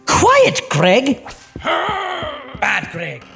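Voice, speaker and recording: A man's voice: extremely high pitch, huge pitch swings, drawn-out words, gravelly, pushed and bright, faint music behind, exaggerated voice. A man hamming up a campy spooky horror host. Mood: hammy. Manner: campy, theatrical, melodramatic. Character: theatrical spooky male horror-show host, campy and hammy. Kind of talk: comedy horror-host sketch.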